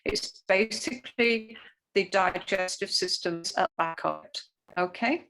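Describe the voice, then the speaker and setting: A woman's voice: medium pitch, measured pace, fairly bright tone, rough recording. A woman who teaches Ayurveda, explaining things earnestly with plenty of fillers during a talk over a video call. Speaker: Ayurveda educator.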